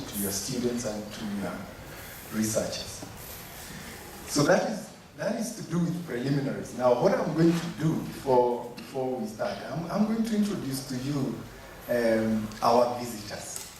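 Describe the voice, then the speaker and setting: A man opens a meeting as its chair, pausing often on fillers. He is heard from across an echoey hotel conference room, with steady background noise. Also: mid-range voice. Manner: hesitant, many fillers. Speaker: forum chair. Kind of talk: opening remarks at a meeting. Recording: echoey conference hall, mic far off, noisy.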